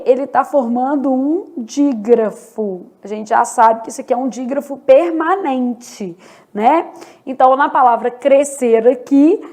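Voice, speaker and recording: A Brazilian woman teaching a Portuguese grammar lesson, slow and deliberate, asking questions and answering them herself. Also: high voice, mellow. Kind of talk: exam-prep grammar lesson.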